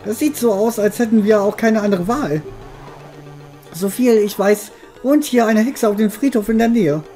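An earnest, concerned adventure game companion, voiced by a man, speaks in a raised, high voice. Music plays underneath. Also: normal speed, mellow, lightly acted. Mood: concerned, hopeful. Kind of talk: read-out video game dialogue.

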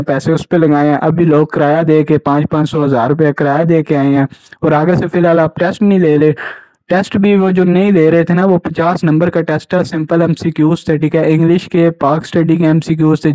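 A man's voice: fairly high pitch, little pitch movement, brisk, dark tone, no room sound. A young man, indignantly recounting his experience as a jobs channel host and often checking in with "right?". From Pakistan. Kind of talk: casual first-person account to camera. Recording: dull lo-fi recording.

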